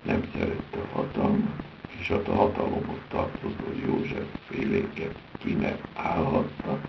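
A man giving a theatrical reading of literary prose, with a dramatic delivery. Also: gravelly. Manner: theatrical, dramatic delivery with big pitch swings. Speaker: reader. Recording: dull lo-fi recording with steady background noise.

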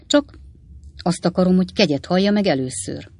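Sly male traveller, measured, teasing, slightly lowered voice, read by a narrator; dry sound. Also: gravelly, a little mellow, no echo. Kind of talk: audiobook reading.

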